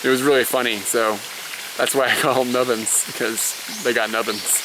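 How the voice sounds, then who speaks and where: Chatting with his viewers and fielding their questions, this young vlogger from the United States, an elementary school teacher, tells stories packed with "like" and frequent laughter. He speaks at a moderate pace in a medium-pitched voice with fairly even intonation, over very noisy audio.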